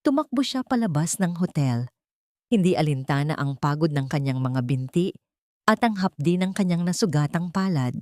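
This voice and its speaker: A deep-voiced woman with a Filipino accent narrates a dramatic scripted audiobook story in an animated, a little mellow way at a moderate pace. The sound is dry and clean, captured in a studio.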